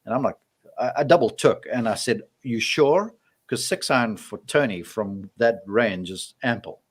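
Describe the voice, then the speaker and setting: A man's voice: fairly low pitch, normal speed, husky. A man on a golf podcast, telling a long on-course story in casual chat and acting out the quoted exchanges.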